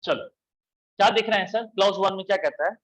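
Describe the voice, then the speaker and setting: A man's voice: sits high, fast talker, fairly bright tone, rough recording. A man teaching law to a class, explaining step by step and asking and answering his own questions. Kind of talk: classroom lecture.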